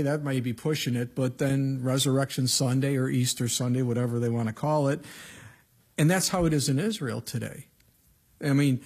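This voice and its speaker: A man preaching at a pulpit microphone with a slightly husky, somewhat higher-pitched voice. He teaches scripture in a plain, conversational way and punches his points with short emphatic asides. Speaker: pastor. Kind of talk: verse-by-verse Bible teaching sermon.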